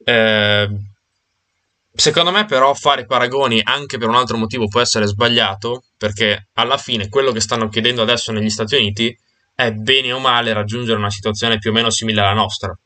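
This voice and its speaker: A man's voice: medium pitch, steady tone, fairly quick, pushed and bright. A man leading a casual group discussion over a video call, thinking aloud with fillers and restarts.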